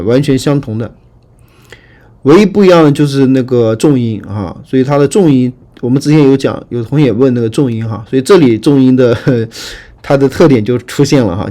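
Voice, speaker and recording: A man teaching Greek grammar in a lecture, patient and repetitive, often checking that students follow and reading word forms aloud slowly. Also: mid-range voice, warm tone. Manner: patient, repetitive, frequent fillers and checking questions. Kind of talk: online lecture explaining grammar.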